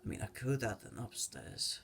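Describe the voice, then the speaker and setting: A man's voice: lowish voice, big pitch swings, moderate pace, vocal fry, a bit bright, slight background noise. A man giving casual, rambling commentary over his own gameplay, joking and correcting himself as he goes. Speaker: gaming video creator. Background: keyboard and mouse clicks.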